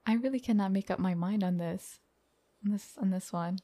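A woman co-hosting a casual book discussion podcast, working through her ideas slowly and reflectively. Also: medium pitch, dark tone. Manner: reflective, builds questions slowly. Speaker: podcast co-host.

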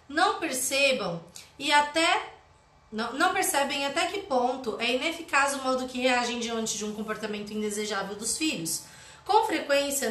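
A woman's voice: fairly high pitch, sharp tone. A woman, a parenting educator teaching live, reading from a book and commenting, often tagging phrases with "né?". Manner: chatty, often ends phrases with "né?". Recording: echoey room.

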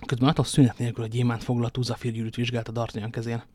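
A man narrating a classic novel as an audiobook in a measured, dramatic storytelling manner. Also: mid-range voice, level tone, a little mellow, no echo.

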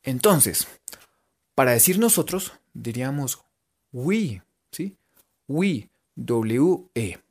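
A man's voice: medium pitch, sing-song, slow, long pauses. A man with a Colombian accent teaches English over local radio in a playful, chatty way. He spells out words letter by letter and keeps checking in with his listeners.

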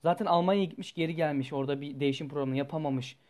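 A young man, a student, telling a personal story in a rambling, animated way and swearing freely. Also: a little high, rapid-fire. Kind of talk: casual storytelling vlog.

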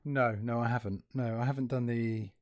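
A man's voice: mid-range voice, steady tone, fairly quick, dry recording, studio quality. A middle-aged man hosting a casual conversational interview. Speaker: interview host.

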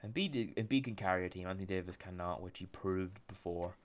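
A man co-hosting a casual sports podcast, blunt and sweary, with quick jokey asides. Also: low voice. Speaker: podcast co-host. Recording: faint background hiss.

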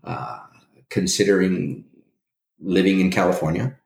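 A man's voice: low voice, a little slow, vocal fry, a little mellow, roomy sound. A man in his forties, a guest in a casual interview, telling his life story with many restarts and hesitations. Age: 40s.

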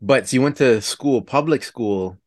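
A man hosting an interview podcast, relaxed and affirming as he asks follow-up questions. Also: mid-range voice, a little slow. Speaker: podcast host.

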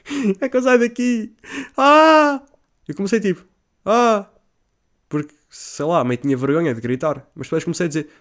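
Telling a story in loose, rambling fashion, a young man with a European Portuguese accent swears freely and sprinkles in English slang. He recreates his own cries with high-pitched shouts.

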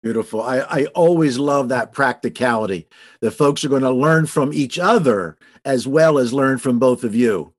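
A man's voice: mid-range voice, normal speed. A man hosting an interview podcast, affirming his guests and inviting them to say more. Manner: encouraging, affirming, keeps the guests talking. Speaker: podcast host. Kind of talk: conversational interview.

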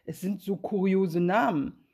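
A woman's voice: medium pitch, measured pace, creaky, a little mellow, husky. A woman voicing a trusting, good-natured little female mouse, eager and wondering.

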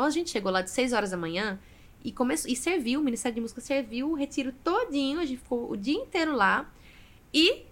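Expressive woman telling her story. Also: fairly high pitch. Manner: expressive storyteller, often adds "né". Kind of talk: casual podcast interview storytelling.

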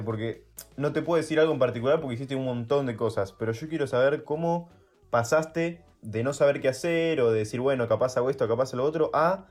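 A man hosting a podcast, asking questions in a relaxed, easygoing way. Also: medium pitch. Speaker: podcast host. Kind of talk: casual interview chat.

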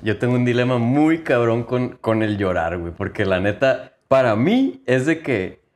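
A young man with a Mexican Spanish accent chatting casually, slangy and swearing, his pitch jumping up and down. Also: expressive, moderate pace. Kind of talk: casual chat.

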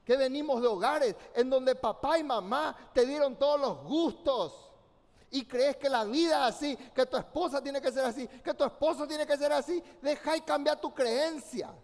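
Male pastor, strikingly high voice, fervent sermon, long hall reverb. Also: normal speed. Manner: fervent, commanding, calls for congregation responses. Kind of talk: preaching a sermon.

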